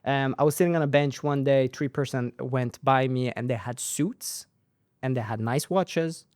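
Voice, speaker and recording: Clean studio sound without echo captures an animated young man, a company founder who grew up in Sweden speaking Persian first. As an interview guest he talks casually at a moderate pace in a medium-pitched voice, leaning on tag questions and repeated phrases to stress his points.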